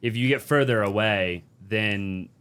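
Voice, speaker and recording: A man's voice: fairly low pitch, a bit bright, clean tone. A man hosting a podcast, asking casual questions with lots of "like" and "you know". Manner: quick, filler-heavy questions. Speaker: podcast host. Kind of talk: casual interview chat.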